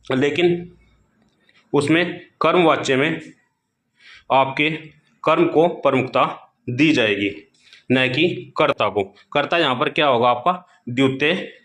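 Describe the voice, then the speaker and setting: A man giving a grammar lesson for exam students. He asks questions aloud, answers them himself, and slowly repeats each key point. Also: on the high side, fairly bright tone. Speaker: Hindi grammar teacher.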